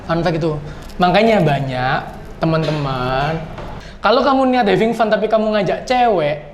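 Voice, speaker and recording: A man hosting a podcast, telling stories in an animated, repetitive way. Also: high-pitched, moderate pace. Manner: animated storyteller, repeats words. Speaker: podcast host. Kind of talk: casual chat. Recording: echoey room with light noise.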